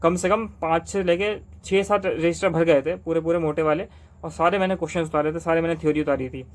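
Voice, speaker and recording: Young man, rapid-fire study advice, insistent, repeats himself, slightly high voice. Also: fairly even intonation. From Delhi. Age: young adult. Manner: rapid, insistent, keeps repeating "ठीक है" and rhetorical questions. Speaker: medical student giving exam advice. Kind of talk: fast casual advice talk to camera.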